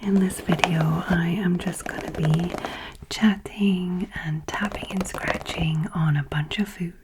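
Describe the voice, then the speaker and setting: A woman chatting informally in a soft, breathy ASMR whisper, gentle and rambling, close to the microphone. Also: on the low side, fairly even intonation, measured pace, background noise. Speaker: ASMR video host.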